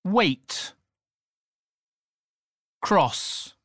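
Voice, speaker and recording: A woman reading vocabulary words one at a time, slowly and deliberately, for learners. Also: lowish voice, expressive, dry recording, studio quality. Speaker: vocabulary reader.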